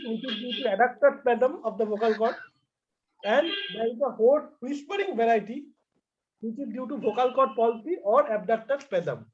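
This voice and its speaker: Man, lecturing, lists terms, repeats himself, muffled call audio. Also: extremely high pitch. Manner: listing terms, repeating words. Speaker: doctor presenting at a medical class. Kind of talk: medical lecture. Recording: dull lo-fi online call audio.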